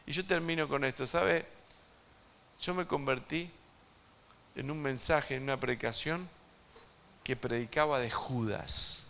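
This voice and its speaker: Male preacher, gravelly voice, forceful bright tone, emphatic, swings loud to hushed, direct questions to the congregation. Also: mid-range voice, measured pace, pauses often, a little hiss or hum. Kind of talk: evangelistic sermon. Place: church service before a congregation.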